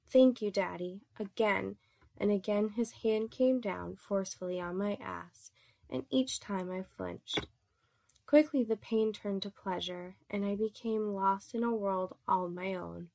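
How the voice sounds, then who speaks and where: Woman reading an erotic story, gravelly. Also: medium pitch. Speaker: narrator.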